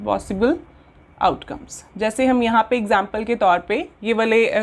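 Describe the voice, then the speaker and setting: A woman from India teaching a maths lesson, mixing Hindi and English, slowly dictating terms word by word and checking in often with the class. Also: fairly high pitch, darkish tone. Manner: slow, dictating terms word by word while writing.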